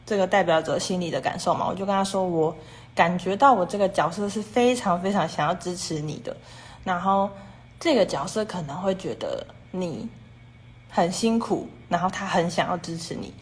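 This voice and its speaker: Woman, livestream host, casual chat, rambling and repetitive, a little low-pitched. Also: moderate pace. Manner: rambling and repetitive, strings clauses with "and then"; chats with viewers reading their comments.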